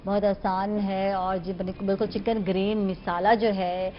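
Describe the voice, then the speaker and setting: A woman hosting a morning talk show, chatty and quick to chime in with agreement. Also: mid-range voice, little pitch movement, lo-fi sound, slight background noise. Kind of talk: casual talk-show chat.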